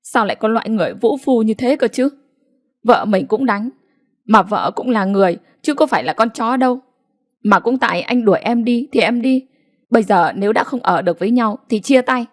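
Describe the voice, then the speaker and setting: A woman's voice: medium pitch, a little fast, no room sound, studio quality, lightly acted. A woman voicing a distraught young village wife who protests bitterly through tears in a storybook reading. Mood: tearful indignant. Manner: pleading, then bitterly protesting.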